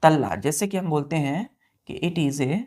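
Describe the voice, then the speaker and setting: A deep, mellow female voice, animated yet a little slow, carries an Indian accent. In a patient classroom style she teaches vocabulary, spelling each word letter by letter and checking on the students.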